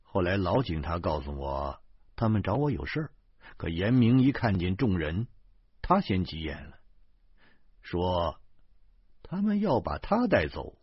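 A man reading a novel aloud, telling the story in a lively way, in a dull lo-fi recording. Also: low-pitched, measured pace, pauses often, breathy edge, no echo. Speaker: audiobook narrator. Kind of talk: scripted narration.

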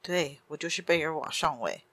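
A woman's voice: mid-range voice, big pitch swings, moderate pace, a bit bright, no room sound. A woman voicing an agitated male army captain who talks urgently and stammers. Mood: flustered.

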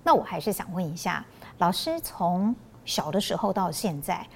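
A woman's voice: lowish voice, very animated, normal speed, creaky, slight background noise. A woman hosting an interview, asking polite questions and giving frequent short affirmations as she listens. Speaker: podcast host.

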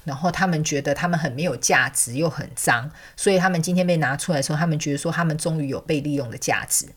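A woman, a counselor and angel card reader, telling a story in a chatty, animated way to her viewers, full of fillers and asides. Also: deep voice, fast, breathy edge. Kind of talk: casual storytelling monologue.

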